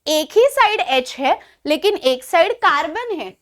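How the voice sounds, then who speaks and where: A chemistry teacher with an Indian accent talks through an online lesson in a very high, lively voice. She teases her students and stretches out the key terms, taking her time. Her delivery stays unhurried. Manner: chatty, teasing, repeats key terms slowly. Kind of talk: online class lecture.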